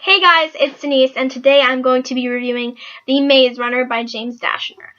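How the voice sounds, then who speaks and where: A woman's voice: high-pitched, fairly even intonation, moderate pace, bright, forceful tone, soft background music. Chatty young woman reviewing a book. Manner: chatty, rambling, lots of "like" fillers. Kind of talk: casual book review vlog. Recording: dull lo-fi recording.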